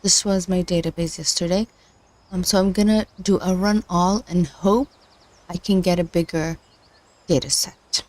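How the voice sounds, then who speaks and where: Her pitch sits fairly low, and her tone is steady and darkish at a normal speed. On a casual livestream about learning machine learning, she talks herself through things hesitantly, with lots of fillers and restarts, while her voice fades.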